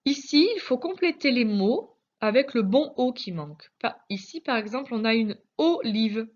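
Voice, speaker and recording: A woman's voice: on the high side, animated, normal speed. A woman teacher giving a recorded reading lesson to young children, carefully spelling out letters one by one. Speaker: primary school teacher. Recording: dull lo-fi recording.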